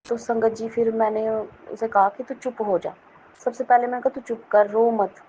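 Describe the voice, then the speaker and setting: A middle-aged woman from Jammu earnestly telling a devotional testimony, often pausing to address her listeners respectfully. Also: fairly high pitch, flat delivery, mellow. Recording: dull lo-fi recording with faint noise.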